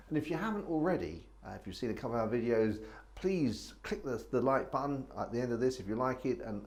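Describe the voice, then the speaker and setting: A man hosting a casual wine tasting, chatting and rambling with many restarts. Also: lowish voice. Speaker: wine reviewer host.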